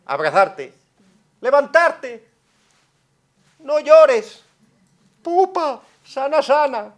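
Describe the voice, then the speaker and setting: A man's voice: big pitch swings, drawn-out words, full character voice. A man putting on a cooing old granny. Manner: high sing-song cooing, baby talk. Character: doting grandmother soothing a fallen toddler. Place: conference hall.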